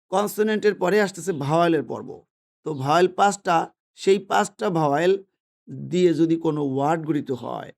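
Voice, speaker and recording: A man's voice: fairly high pitch, creaky, darkish tone. A man teaching a grammar lesson, patiently repeating himself and asking questions that he then answers. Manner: patient, repetitive, asks and answers his own questions. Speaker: English teacher. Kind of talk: explaining English grammar lesson. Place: indoors, holding a pen.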